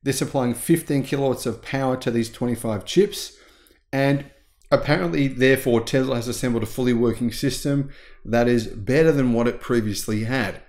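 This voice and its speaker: A man in his forties hosts casual tech news commentary from a small home studio. He talks with eager emphasis and drawn-out words for effect. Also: mid-range voice, darkish tone. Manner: enthusiastic, emphatic, stretches key words.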